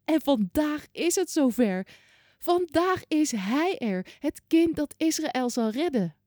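A woman's voice: sits high, animated, takes it slowly, darkish tone, no echo, clean studio sound, voice pushed up. A woman reading a children's Bible story, voicing a joyful, very old woman with a shaky, trembling voice. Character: very old woman, over a hundred, overjoyed.

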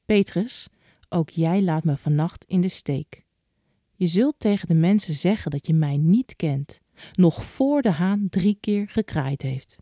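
A woman doing a calm, gentle teacher. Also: on the low side, unhurried, no room sound, studio quality. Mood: sad. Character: calm, kind male teacher.

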